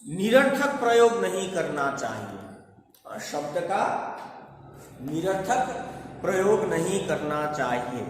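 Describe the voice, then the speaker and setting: A man teaching a grammar lesson, explaining slowly and answering his own questions. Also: sits high. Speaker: Hindi teacher. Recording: echoey room from far off.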